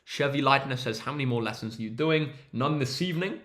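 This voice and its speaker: A man's voice: medium pitch, fast talker, fairly bright tone. A young man runs a casual maths livestream, his voice sitting in an ordinary middle range. He is upbeat and encouraging, rallying his viewers like a team and reading their names from the chat. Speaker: maths tutor hosting a livestream.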